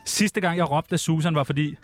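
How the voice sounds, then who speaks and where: A man's voice: a little high, soft background music. A man hosting a casual chat, teasing his guest and reading out prompts, laughing often. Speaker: podcast host.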